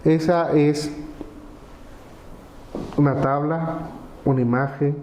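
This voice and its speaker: A man speaking in a conversational webinar, walking through ideas step by step. His voice sits a little high and sounds mellow. The room around him is echoey. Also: steady tone, slow, slight background noise. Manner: explains with lists of examples, tag questions. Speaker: webinar presenter on AI prompts.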